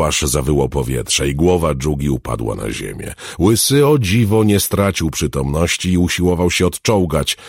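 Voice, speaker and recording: A man narrating a fantasy novel as an audiobook, with expressive storytelling, recorded close on a studio mic. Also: rumbling low, creaky, slightly rough, dry recording.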